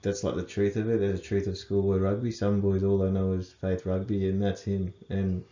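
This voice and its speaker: Deep, mellow-voiced man in an echoey room. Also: completely flat delivery, moderate pace. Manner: laid-back, agreeable, many short affirmations. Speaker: rugby coach and podcast co-host. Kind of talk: casual chat. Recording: echoey room, dull lo-fi sound.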